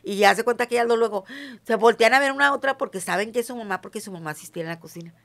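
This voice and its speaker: A woman's voice: on the high side, racing, a bit bright. Mexican lady, middle-aged, chatting away in an interview, keeps checking you follow her. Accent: Mexican Spanish. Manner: chatty, emphatic, often asks "¿sí me entiendes?". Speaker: interview guest, self-described witch. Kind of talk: casual conversational interview.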